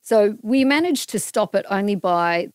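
Smooth-voiced Australian woman telling a story. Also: medium pitch, measured pace, dry recording, clean studio sound. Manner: earnest, animated retelling with acted-out quotes. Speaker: guest. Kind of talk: casual interview storytelling.

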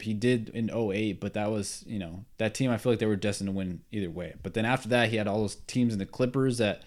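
A man's voice: on the low side, a little mellow. Opinionated man rambling about sports. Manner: rambling, opinionated, many fillers and restarts. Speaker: sports podcast host. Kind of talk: solo casual sports talk.

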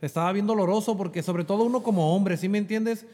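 A Mexican man recounts his own story in earnest, slipping English fillers into his Spanish. His voice sits somewhat high. The recording carries a long, hall-like reverb. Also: fast, a little mellow. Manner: earnest, repeats "bro" and mixes in English fillers. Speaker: guest sharing a faith testimony. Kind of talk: emotional personal testimony.

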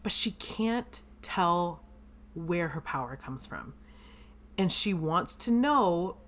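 A woman co-hosting a podcast in casual chat, relaxed and hedging, thinking aloud with frequent "um"s. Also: on the low side, takes it slowly, a little hiss or hum. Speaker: podcast co-host. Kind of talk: casual show recap chat.

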